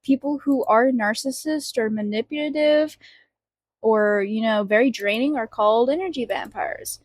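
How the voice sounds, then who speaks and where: A woman's voice: a little high, moderate pace. Giggly woman podcast co-host. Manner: giggly, chatty, many fillers. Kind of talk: casual podcast chat.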